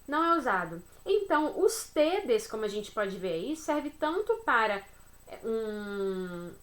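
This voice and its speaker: A woman's voice: fairly high pitch, big pitch swings, a little slow, a bit bright. Chatty Brazilian woman teaching a class. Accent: Brazilian Portuguese. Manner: chatty, friendly, checks in with "né?" and "beleza?". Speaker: Spanish teacher. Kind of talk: recorded online class over slides.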